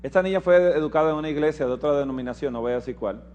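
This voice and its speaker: A man giving a preached lecture, telling personal stories and acting out the dialogue, dropping to quiet asides and rising to loud emphasis. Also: a little high, racing, muffled recording, a little hiss or hum. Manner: animated storyteller who acts out dialogue and swings from hushed asides to loud emphasis. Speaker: health lecturer at a Bible prophecy school.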